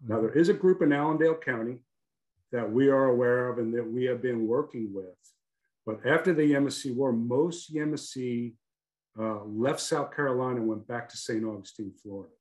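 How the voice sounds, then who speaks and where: A man's voice: medium pitch, moderate pace, a little mellow, poor audio. A man from the northern United States giving a lecture and answering questions on a video call, talking conversationally with many fillers. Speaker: guest lecturer, archaeologist.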